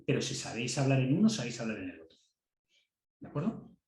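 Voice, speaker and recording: Crowd noise and reverb surround a Castilian-accented university lecturer as he talks fast through a class. His mid-range voice swings widely in pitch, and he speaks conversationally, repeating words while thinking and checking in with students.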